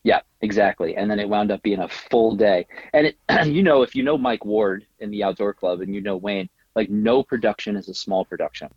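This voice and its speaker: A middle-aged man, a tattoo artist guest, telling an animated story in a casual interview, laughing often and acting out what people said. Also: on the low side, fairly quick, hardly any pauses, slightly rough, no echo, muffled recording.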